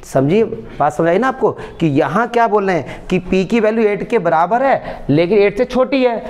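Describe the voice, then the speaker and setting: A man's voice: high-pitched, animated, normal speed, darkish tone. A man teaching a maths lesson for board exams, explaining step by step and checking often that students follow. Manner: coaxing, checks understanding often.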